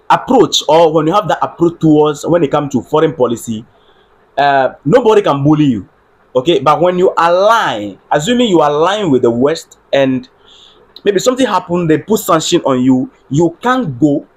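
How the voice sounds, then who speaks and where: A man with a Ghanaian accent and a somewhat high, slightly rough voice delivers earnest political commentary alone on a livestream. He repeats phrases and checks with viewers that his audio is working.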